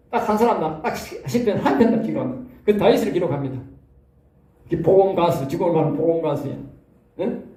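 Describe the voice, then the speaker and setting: A Korean pastor with a Gyeongsang accent, preaching in a lively, folksy way and often tossing rhetorical questions at the congregation. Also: male voice, high-pitched, roomy sound. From South Korea. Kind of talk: sermon. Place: church hall.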